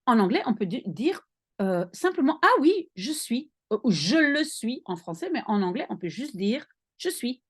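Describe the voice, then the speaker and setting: A woman's voice: a little high, breathy edge. A woman language teacher patiently explaining grammar to a student, with careful repetition. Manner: slow, patient, lively intonation. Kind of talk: explaining English grammar in French.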